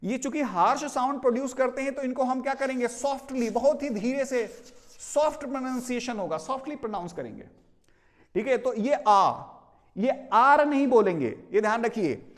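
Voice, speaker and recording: Casting: male English teacher with an Indian accent, very high voice, steady classroom explaining, long room reverb. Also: normal speed. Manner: explains with repeated "theek hai" check-ins, mixing Hindi and English. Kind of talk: classroom pronunciation lesson.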